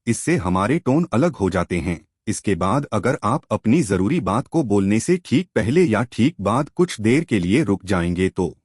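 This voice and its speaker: A low, husky male voice narrates a book summary, talking straight to the listener and posing questions. His pitch moves up and down freely, and the recording is dry and close. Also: sing-song, unhurried, few pauses, a little mellow, dry recording. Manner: explanatory, addresses listener directly with questions.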